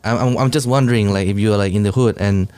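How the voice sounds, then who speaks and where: Low, smooth-voiced excitable host. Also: male voice, quick pace, no echo. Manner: excitable, stumbling, slangy interviewer. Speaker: podcast host. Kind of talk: casual podcast chat.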